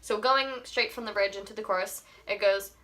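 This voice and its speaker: A woman's voice: mid-range voice, brisk, a bit bright, faint music behind. A young woman with a cold, her voice scratchy and cracking, chatting apologetically through a casual ukulele tutorial at home. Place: home room with air conditioning. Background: her own ukulele playing.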